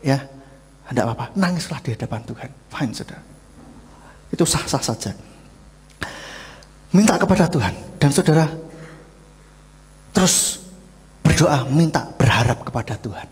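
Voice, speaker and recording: A male pastor giving a sermon in a church, swinging between loud preaching and hushed asides. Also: medium pitch, animated, moderate pace, long pauses. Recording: long church-hall reverb.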